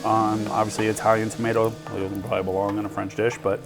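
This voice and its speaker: A man's voice: on the low side, little pitch movement, fast talker, over music. A man in his forties chatting casually and rambling as he cooks, swearing now and then. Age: 40s. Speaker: home cook host. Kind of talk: casual cooking chat.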